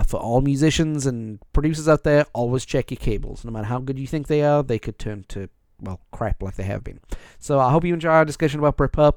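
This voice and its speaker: On his music podcast, a host with a mid-range voice and darkish tone rambles along in a chatty, self-deprecating manner. The sound comes across as compressed and dull.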